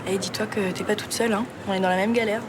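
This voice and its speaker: An actress playing an upbeat, encouraging young friend. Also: female voice, medium pitch, steady tone, quick pace, noisy background, lightly acted. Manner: encouraging, breezy. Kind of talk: TV soap drama.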